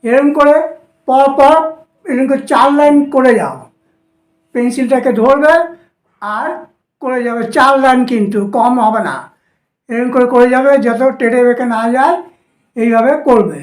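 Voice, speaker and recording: High-voiced Bengali woman teaching shorthand. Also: fairly even intonation, moderate pace, long pauses, reverberant. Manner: instructive, repeats steps patiently. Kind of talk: whiteboard lesson for students.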